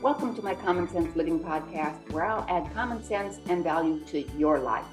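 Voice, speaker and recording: A woman hosting a podcast, reading a guest introduction, then chatting in a slightly halting way. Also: lowish voice, expressive, music in the background, rough recording. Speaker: podcast host. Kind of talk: podcast intro and casual interview.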